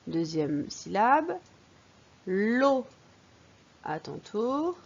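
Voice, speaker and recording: A woman's voice: mid-range voice, expressive, slow, a little mellow, breathy edge. A woman, teaching early reading to young children and patiently sounding out syllables. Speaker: primary school teacher. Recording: dull lo-fi recording.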